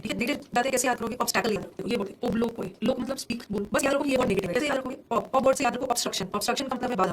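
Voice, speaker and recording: A woman's voice: fairly high pitch, background noise. A young woman teaching English vocabulary for exams, mixing English terms into Hindi and quizzing students with mnemonics. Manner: explains with mnemonics and questions to students. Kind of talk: exam-prep vocabulary lesson.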